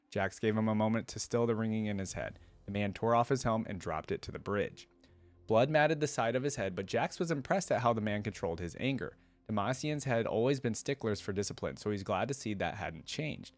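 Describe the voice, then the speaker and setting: As a reaction video host, a man with a fairly low-pitched voice reads a fantasy story aloud. He adds enthusiastic, informal fan commentary along the way.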